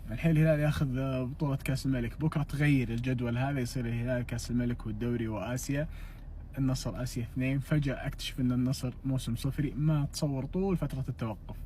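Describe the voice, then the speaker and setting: A man's voice: mid-range voice, fairly even intonation, rapid-fire, warm tone, slight background noise. A man teases a rival fan in casual football banter. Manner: teasing, mocking.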